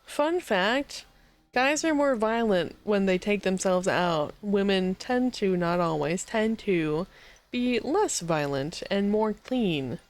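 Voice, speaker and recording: A woman streamer giving casual gaming commentary, swearing freely and reacting with excitable disbelief. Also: medium pitch, slow pace.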